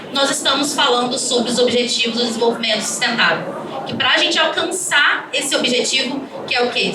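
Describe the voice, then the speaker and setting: A woman mediating a panel, explaining a topic earnestly to an audience and often checking in with them. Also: sits high. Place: live event venue. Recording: echoey room, far from mic, noisy.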